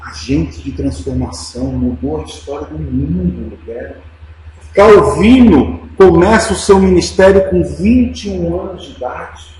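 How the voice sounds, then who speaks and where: A man with a Brazilian Portuguese accent preaching a Sunday sermon, emphatic and swinging from quiet to loud, calling his listeners brothers and dear ones. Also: on the high side, measured pace. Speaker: pastor. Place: church sanctuary. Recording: very echoey church with noise.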